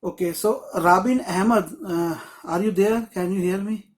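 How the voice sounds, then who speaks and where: Over a video call, a man with a high, slightly slow voice leads a live online screenwriting class. His explanations are loose and rambling, with many restarts.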